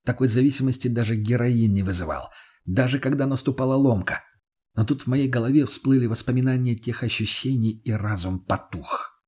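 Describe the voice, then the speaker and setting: Male audiobook narrator, husky, mid pitch, measured and steady.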